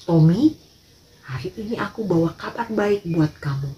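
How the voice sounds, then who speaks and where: A woman voicing a kind, wealthy father who adopts a poor street boy, speaking warmly but firmly in a children's church story. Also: fairly low pitch, lively intonation, moderate pace, lightly acted. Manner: warm, firm, fatherly.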